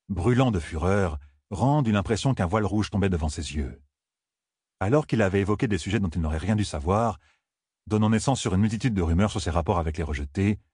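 Man reading a fantasy audiobook, low husky voice, dry close sound. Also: darkish tone, no room sound. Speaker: audiobook narrator. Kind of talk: scripted fantasy narration.

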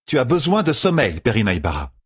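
A stern, blunt matriarch healer, put on by a male audiobook reader in a lifted, lively voice. She barks short orders and scolds without softening. The voice is husky around the edges. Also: medium pitch, fairly quick, pitched above the performer's own voice, heavily acted. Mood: firm. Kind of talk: audiobook character voice.

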